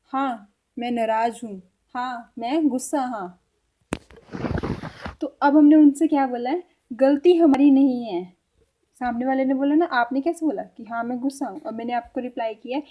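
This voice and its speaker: A woman's voice: high voice, mellow. A woman teaching everyday phrases in a spoken language lesson, carefully repeating each example sentence.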